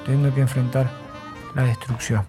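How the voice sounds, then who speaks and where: A man hosting a radio show, giving unhurried, reflective commentary between songs and often ending thoughts with a tag question. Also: mid-range voice, level tone, loud music behind the voice. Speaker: radio host.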